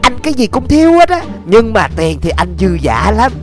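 A woman's voice: fairly high pitch, sing-song, normal speed, a little mellow, faint music behind. A woman voicing a boastful young male demon who brags and insults, in a game video voice-over. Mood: bragging. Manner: bragging, insulting.

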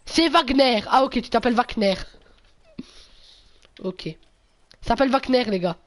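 A man's voice: very high voice, measured pace. Slangy, foul-mouthed streamer guy. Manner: slangy, swears a lot, bursts into loud yelps. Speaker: game streamer. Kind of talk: casual gameplay livestream chat.

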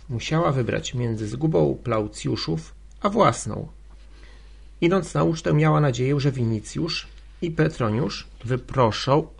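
A man narrating a classic novel as an audiobook in a steady reading manner. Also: medium pitch, creaky, slightly rough.

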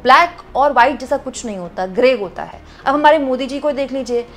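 A woman's voice: high voice, moderate pace, slight background noise. A woman commentating on political news, reading out viewer comments and chatting to her audience as friends, with frequent hesitations.

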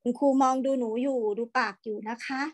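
Woman teacher, high voice, patient and coaxing with young kids on a video call, says each word slowly. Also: steady tone. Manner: patient, coaxing, repeats words slowly for pupils. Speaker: primary school English teacher. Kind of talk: online class for young children.

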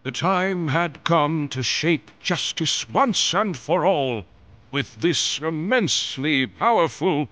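A man's voice: on the high side, expressive, slow pace, dry recording. A man narrating a game in a wry, mock-heroic storytelling manner. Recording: game audio under loud music.

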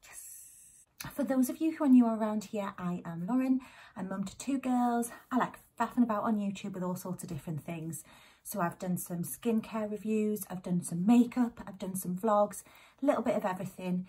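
A woman, chatting excitedly in a casual haul vlog, a little out of breath, dropping into whispered asides. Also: mid-range voice, a little fast, slightly rough. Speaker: YouTube vlogger. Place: home.

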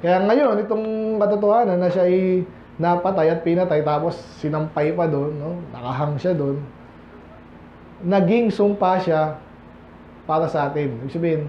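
A man's voice: high voice, slight background noise. A man from the Philippines preaching a Sunday afternoon sermon in a conversational way, quizzing his congregation as he goes. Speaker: pastor. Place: church hall. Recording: echoey, slightly dull church audio.

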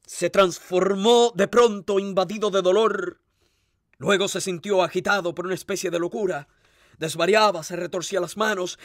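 A man reading a crime novel aloud, narrating in an expressive, dramatic way. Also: high-pitched, no echo, studio quality. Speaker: audiobook narrator.

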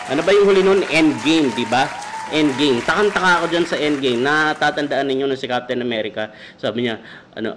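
Filipino male devotional host, slightly high voice, playful, keeps asking the audience along. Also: a little hiss or hum. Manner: jokey, animated, keeps checking in with the audience. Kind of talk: comedic Bible study livestream.

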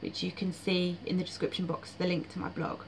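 A woman's voice: on the low side, monotone, fairly quick, vocal fry, slight background noise, low-quality recording. A woman vlogging about her dreams in casual, frank, blunt monologue with frequent fillers.

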